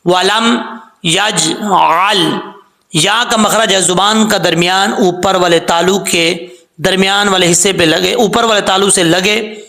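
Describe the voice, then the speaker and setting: A man teaching Quran recitation with tajweed, explaining step by step and stretching words slowly. He often checks that the listener follows, and he chants the verses melodically. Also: sits high, steady tone, creaky, bright, forceful tone, echoey room. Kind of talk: tajweed lesson.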